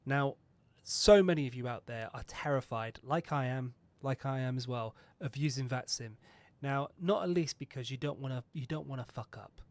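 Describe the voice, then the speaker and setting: A man hosts a flight simulator video, chatting casually and rambling through a pre-flight checklist, swearing occasionally and poking fun at himself. His voice sits in the mid range with a darkish tone, moving at a moderate pace with few pauses. There's no echo.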